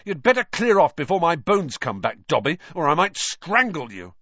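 A narrator voicing a suspicious, indignant boy wizard in a storybook, with sharp, demanding questions. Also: mid-range voice, huge pitch swings, measured pace, no echo, muffled recording, pitched above the performer's own voice, exaggerated voice. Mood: angry.

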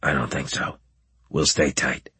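Guy putting on a deep husky army commander, curt and bossy, dry close sound. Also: level tone, unhurried, pushed and bright, no echo, exaggerated voice. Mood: stern. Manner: curt, clipped orders. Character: gruff commanding male centurion officer.

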